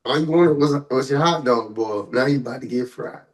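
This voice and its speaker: A man co-hosts a laid-back podcast, offering slangy, opinionated takes on hip-hop and pop culture news along with exaggerated asides. He speaks fairly quickly at a medium pitch.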